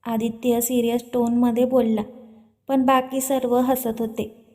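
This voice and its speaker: A woman narrating a serialized drama story in a steady reading. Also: on the high side, unhurried.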